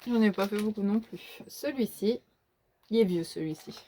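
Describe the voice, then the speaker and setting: A woman's voice: medium pitch, moderate pace, mellow, slight background noise. A woman with a regional French accent chatting casually in a vlog, showing her coloring book collection, hesitant with many fillers and restarts. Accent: regional French, which she says is folkloric. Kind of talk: casual show-and-tell vlog.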